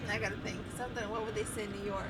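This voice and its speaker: A woman's voice: mid-range voice, steady tone, rapid-fire. A woman co-hosting a game stream, chatting playfully and giggling. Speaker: co-host. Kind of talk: casual chat. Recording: noisy room mic.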